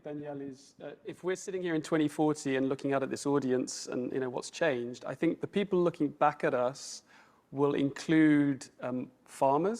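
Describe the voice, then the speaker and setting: Male panelist, slightly higher voice, rapid delivery, thinks aloud with "you know" and "right?". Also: darkish tone. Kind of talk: conference panel remarks.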